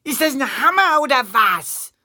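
Man doing a shrill gushing tourist wife. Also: sing-song, normal speed, sharp tone, exaggerated voice. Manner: high, shrill falsetto gushing. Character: gushing tourist wife, small, starry-eyed.

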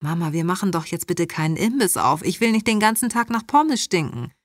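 A woman's voice: on the low side, expressive, fairly quick, no room sound, studio quality. A woman voicing a sensible teenage son, speaking in a slightly raised, exasperated tone.

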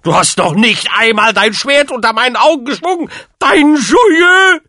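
A shrill, ranting old knight. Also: male voice, lively intonation, a little slow, dry recording, studio quality, full character voice. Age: older. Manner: shrill, shouting outbursts. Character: excitable old male knight-tutor, indignant and ranting.

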